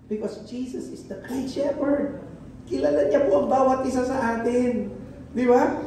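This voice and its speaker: A man's voice: very high voice, steady tone, measured pace, warm tone, slight background noise. A male pastor with a Filipino accent preaching a conversational sermon in church, often asking the congregation questions and mixing in English. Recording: echoey church hall, mic from a distance.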